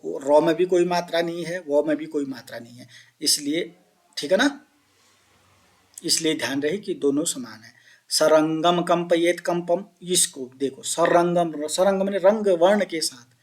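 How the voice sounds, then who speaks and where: Slow, high-voiced Sanskrit teacher. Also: male voice. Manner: repeats and chants Sanskrit words slowly, asks pupils questions; addresses listeners as children. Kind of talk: classroom explanation of Sanskrit phonetics.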